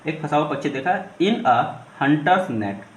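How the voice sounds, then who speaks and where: A man's voice: a little high, animated, slow. A man teaching English, reading a story line by line and explaining each phrase in Hindi. He keeps repeating "ठीक है" and asks questions that he answers himself. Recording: roomy echo, faint ambient noise.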